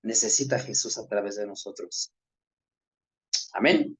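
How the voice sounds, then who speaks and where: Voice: medium pitch, husky. A preacher in their thirties or forties, giving an impassioned devotional sermon and prayer, repeating phrases and restarting words. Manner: builds to emphatic peaks, then slows into quiet prayer.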